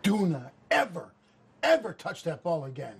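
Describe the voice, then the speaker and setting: A man's voice: a little high, quick pace, warm tone, a little hiss or hum, natural voice. An actor playing a stern, bitter grieving father who scolds an intruder in harsh, cold orders. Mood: scolding. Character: grieving middle-aged man, stern and bitter. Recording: film dialogue from afar.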